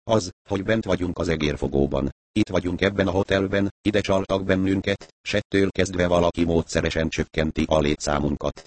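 A man's voice: low-pitched, steady tone, few pauses, dry recording, natural voice. A man reading an audiobook, voicing a small, resolute man who speaks firmly to a group. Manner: firm, decisive.

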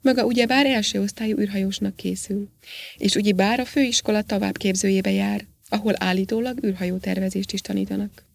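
A pompous, balding little boss man, smug and quick to threaten, as a woman reads him in a storybook. His voice has a gravelly edge. He talks down to his listener. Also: mid-range voice, fairly even intonation, no room sound. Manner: smug, then coldly threatening. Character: pompous middle-aged male boss, short and balding.

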